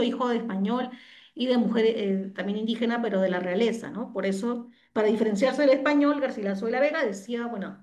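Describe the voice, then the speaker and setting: A woman's voice: mid-range voice, a little mellow. A woman literature teacher, explaining patiently over a video call and often checking in with tag questions. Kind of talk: online class explanation.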